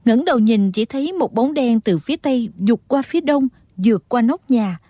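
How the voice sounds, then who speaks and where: A woman reads a martial-arts audiobook in a steady, dramatic storytelling manner. Her voice sits fairly high and sounds close and dry, with no room around it. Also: moderate pace, no echo. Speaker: audiobook narrator. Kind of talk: dramatic scripted narration.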